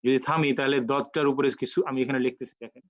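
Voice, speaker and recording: A man teaching Quran recitation rules in an online lecture, explaining patiently step by step and repeating sounds slowly for practice. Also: medium pitch, flat delivery, a bit bright, dry recording, lo-fi sound.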